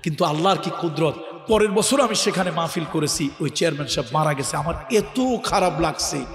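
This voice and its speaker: A man preaching a sermon with a Bangladeshi regional accent, emphatic and building to loud repeated lists. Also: fairly high pitch, a little fast. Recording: echoey hall, reverb.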